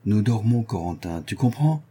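Guy doing a cool sly craftsman, kinda mocking, dark husky voice, audiobook. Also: on the low side, normal speed. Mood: sardonic calm. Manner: sardonic, calm. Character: cunning, cool-headed male artisan.

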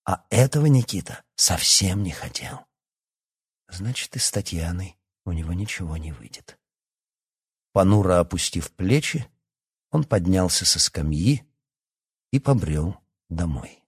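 A man narrating a fantasy audiobook in a steady, measured manner. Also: low-pitched, breathy edge, no echo, clean studio sound. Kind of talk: scripted narration.

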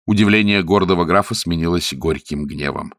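A man narrating a story aloud in a lively, expressive reading style. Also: low voice, brisk, dry recording, studio quality. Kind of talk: audiobook narration.

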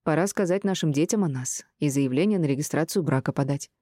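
A woman's voice: low voice, fast talker, dark tone, dry recording, studio quality. A woman voicing a decisive, ardent older man courting his beloved. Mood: tender.

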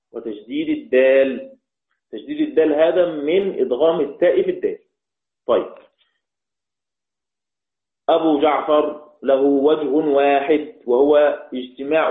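A man teaching Quran recitation, explaining step by step and quizzing his students. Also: mid-range voice. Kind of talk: online class explanation. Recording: tinny phone-like line, echoey room.

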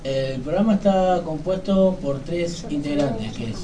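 Fairly high and animated, this Argentine man speaks without hurry over crowd noise. Working as a radio sports commentator, he gives casual interview answers full of hesitation, repeated words, and frequent verbal tags. A distant mic picks him up in a noisy room.

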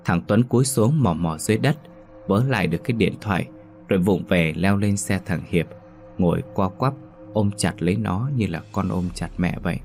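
A man narrating a scripted ghost story in a steady storytelling manner. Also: sits low, normal speed, soft background music.

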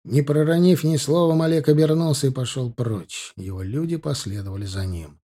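A man narrating an audiobook in a dramatic, expressive manner. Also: mid-range voice, normal speed. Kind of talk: scripted narration.

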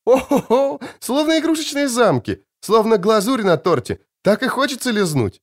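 A man's voice: sits high, very animated, normal speed, pitched above the performer's own voice. Ciri, a man doing a pert teenage girl. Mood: delighted. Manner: pert and teasing. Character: Ciri, spirited teenage girl, sharp-tongued.

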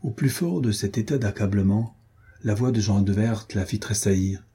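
Audiobook reader, man, very dark husky voice, measured and dramatic, historical novel. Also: on the low side. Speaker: audiobook narrator. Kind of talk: reading a historical novel aloud.

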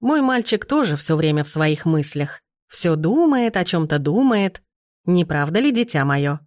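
A woman's voice: on the low side, big pitch swings, a little slow, darkish tone, dry recording, clean studio sound. A woman voicing a jovial, simple-minded portly older count in an audiobook.

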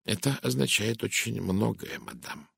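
A man voicing a stern, fussy older Belgian detective in an audiobook, asking measured questions. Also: on the low side, very animated, vocal fry, breathy edge, no echo, clean studio sound, heavily acted. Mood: probing.

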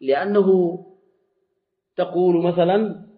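A man gives a grammar lesson in a slightly high voice, going over each point slowly and repeating words. The recording is dull and lo-fi. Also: steady tone. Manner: slow, repeats and restarts words while explaining. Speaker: teacher.

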